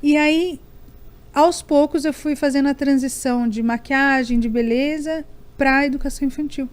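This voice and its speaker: A woman with a Brazilian accent, a podcast guest talking in an animated way, laughing often and restarting her sentences. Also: high-pitched, normal speed. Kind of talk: casual chat.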